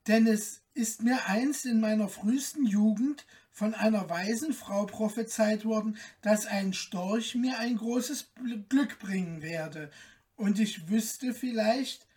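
A reader voicing a lonely, sad enchanted owl princess in a storybook tale, speaking softly and slowly. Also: medium pitch, recorded from a distance, close to an everyday voice. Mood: hushed. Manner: soft and subdued, slow and mournful.

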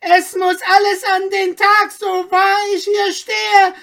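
A narrator voicing an enraged town judge who screams accusations and orders in a shrill, strained voice. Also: flat delivery, slow, vocal fry, fairly bright tone, full character voice. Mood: furious. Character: furious shrieking old town judge.

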